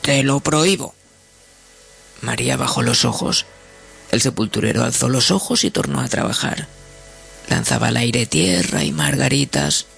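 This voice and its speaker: Gravelly husky guy reading a story out loud, expressive, faint music behind. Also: medium pitch, moderate pace. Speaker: narrator. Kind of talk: storytelling read-aloud.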